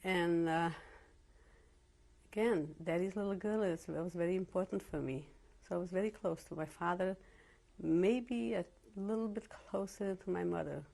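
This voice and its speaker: This oral history interview, recorded at home in Cleveland, features a Czechoslovakian-born Holocaust survivor in her seventies whose native tongue is Yiddish or Slovak, not English. Her lowish, darkish voice carries vocal fry at a normal speed as she reflectively recalls her early life, frequently hesitating and starting over.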